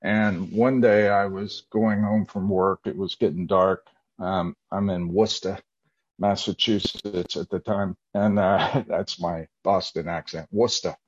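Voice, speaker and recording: Low-voiced man, eager testimony, lo-fi. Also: steady tone, measured pace, breathy edge. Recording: dull lo-fi sound.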